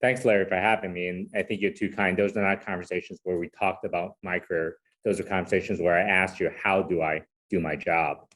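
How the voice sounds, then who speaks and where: A man who grew up in Hong Kong and San Francisco, speaking as an interview guest in a relaxed, self-deprecating way and often tagging his points with "right?". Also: low voice, a little fast, few pauses. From Hong Kong, raised in San Francisco. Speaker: guest, corporate chief legal officer. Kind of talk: casual interview conversation.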